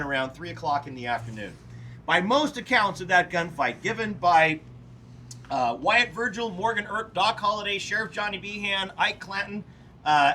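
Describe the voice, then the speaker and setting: A man working as a tour guide and historian, telling animated stories with playful asides outdoors on a film set. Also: high voice, distant mic, slight background noise, low-quality recording. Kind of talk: guided tour talk to a small group.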